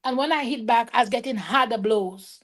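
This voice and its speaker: Emphatic woman with a higher voice. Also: fairly quick. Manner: emphatic, defiant storytelling. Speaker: panelist, domestic violence survivor. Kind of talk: roundtable discussion. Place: live stream panel.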